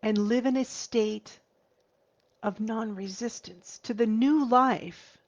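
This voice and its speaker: A woman in her forties, a grief therapist, speaking earnestly to viewers, slowing down and dropping to a soft whisper for emphasis. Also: a little high. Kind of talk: heartfelt talk to viewers. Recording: slightly dull lo-fi recording.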